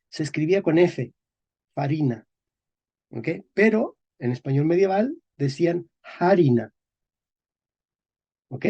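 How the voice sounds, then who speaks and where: Slow-talking guy lecturing a class, keeps tossing in little "ok?" checks, dark husky voice, kinda muffled recording. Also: on the high side. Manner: slow and deliberate, checks in constantly with "¿ok?" and "¿eh?"; repeats and spells out key words. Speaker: teacher of Spanish historical phonology.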